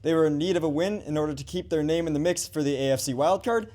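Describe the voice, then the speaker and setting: A student sports reporter and play-by-play announcer in his twenties, from the United States with an American accent, reads highlights and calls the action. His voice is slightly high and warm, delivered fast.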